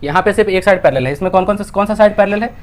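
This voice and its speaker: A man's voice: sits high, racing. Indian man teaching maths in Hinglish. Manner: mixes Hindi with English, asks and answers his own questions. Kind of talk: explaining textbook exercises step by step.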